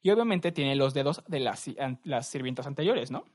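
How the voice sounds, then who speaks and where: A young man with a Mexican Spanish accent, co-hosting a podcast and telling stories in a relaxed, slangy, rambling way. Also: medium pitch, fairly quick. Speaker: podcast co-host. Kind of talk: casual chat.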